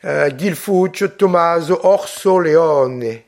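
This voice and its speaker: A man's voice: fairly high pitch, takes it slowly. A man voicing a proud young Corsican woman who speaks with icy composure. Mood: cold.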